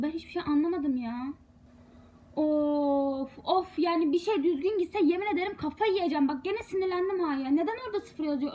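A woman's voice: high voice, dark tone, low-quality recording. A young woman, a university student, chatting casually to her viewers in a frustrated, rambling way. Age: young adult. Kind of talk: casual vlog talking to viewers.

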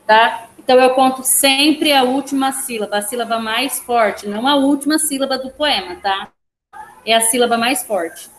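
Her voice is high-pitched and her speed normal as she teaches a language online, step by step. Counting syllables out loud and checking in with students, she's recorded in an echoey space with faint noise behind her.

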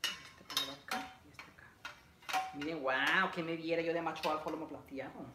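At normal speed and with a steady tone on the high side, a young adult vlogger chats with livestream viewers while assembling furniture in a living room. He reads greetings aloud and repeats phrases in a chatty, casual way. The camera is a few feet away, and the echoey recording is noisy with clicks.

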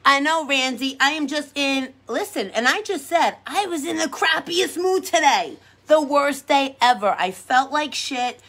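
A middle-aged woman with a strong New York accent chats on her livestream while doing her makeup. She talks in a brash, chatty way, laughs easily and repeats her own lines. Her voice sits a little high for a woman. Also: a little slow, few pauses, fairly bright tone. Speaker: livestream host. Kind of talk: casual live chat while doing makeup.

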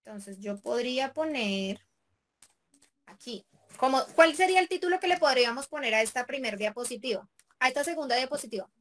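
A woman's voice: high voice, animated, brisk, fairly bright tone. A woman teacher leading a class step by step, patient and checking in with the students often. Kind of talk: remote class walkthrough.

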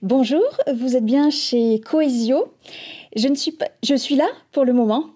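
A woman's voice: high voice, a little slow, warm tone. A woman playing a bumbling customer service agent, speaking in a phone-greeting manner in a comic training sketch. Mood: polite, helpful. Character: bumbling, slightly flippant call-centre customer service agent. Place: small office set, indoors. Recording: background music.

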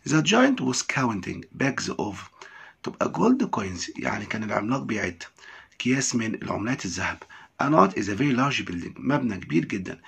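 Egyptian man, English teacher, textbook lesson, gravelly husky voice, lively pitch. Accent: Egyptian Arabic. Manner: reads English lines slowly, then explains them in quick Arabic.

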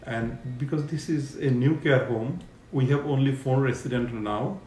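Middle-aged man from Bangladesh, halting interview answers, mid pitch, roomy echo. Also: a little mellow, a little hiss or hum. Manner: halting, many fillers and restarts. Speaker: care home owner. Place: living room, seated on a sofa.

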